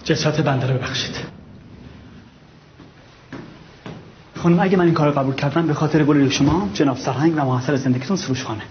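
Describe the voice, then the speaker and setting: Pompous handyman played by a man, proud and touchy, slightly high voice, muffled film sound with clear background noise. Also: lightly acted. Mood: indignant. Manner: pompous, ceremonious formal speech. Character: self-important male handyman, touchy and proud. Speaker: building handyman.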